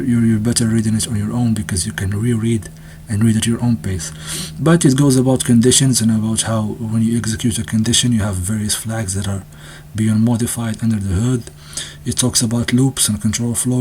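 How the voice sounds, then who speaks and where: A man explaining a textbook's ideas in a casual unscripted talk, halting often with restarts and fillers and sometimes laughing nervously. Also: fairly low pitch, darkish tone, a little hiss or hum. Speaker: presenter discussing a textbook.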